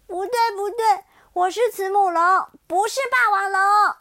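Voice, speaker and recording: A woman's voice: very high voice, unhurried, no echo, clean studio sound, pitched above the performer's own voice. A woman voicing a frightened young dinosaur child who protests insistently in a storybook tale. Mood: protesting. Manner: protesting shrilly.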